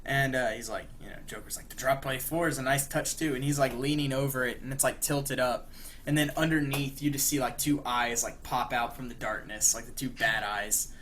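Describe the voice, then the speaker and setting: Young man, podcast co-host, casual recap, rambling, lots of fillers, bright voice. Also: medium pitch, fairly even intonation, a little fast, slight background noise. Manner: rambling, many fillers and 'like'. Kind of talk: casual chat, retelling a cartoon episode.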